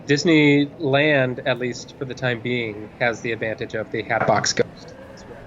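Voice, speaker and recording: A man's voice: mid-range voice, flat delivery, unhurried, fairly bright tone. A man co-hosting a theme park fan show in casual chat, on a noisy, lo-fi live stream recording.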